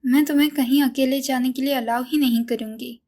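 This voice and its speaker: A woman's voice: sits high, fairly even intonation, fairly quick, dark tone. A woman voicing an older, protective woman who worries about her partner, read in an earnest recap tone.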